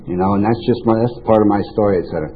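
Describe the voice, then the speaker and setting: Speaking very fast in a husky, fairly low voice, an older New York man whose first language was French shares his personal testimony at a recovery meeting. His informal story rambles, doubling back as he cuts himself off. The recording is tinny and band-limited, almost like a radio or phone line.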